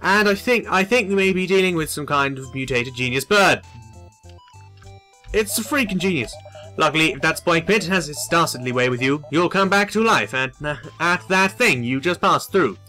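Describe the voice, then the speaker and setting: A man's voice: a little high, animated, normal speed, pushed and bright, faint music behind. Playful man doing game commentary. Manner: playful, jokey, sometimes sweary. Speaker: gaming video host. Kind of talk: let's-play commentary.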